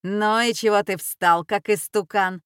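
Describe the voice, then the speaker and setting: A woman's voice: medium pitch, fairly even intonation, unhurried, clear, resonant tone, no room sound, studio quality, natural voice. A woman voicing a harsh, bossy old woman who leads a gang and barks orders. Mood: scornful. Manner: barking orders, shouting. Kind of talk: audiobook character voice.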